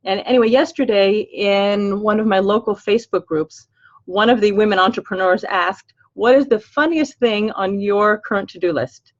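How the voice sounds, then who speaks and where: An older woman from Los Angeles with an American accent hosts a webinar as a financial planner, chatty and upbeat with everyday fillers. She speaks at normal speed in a mid-range voice, though the audio is dull.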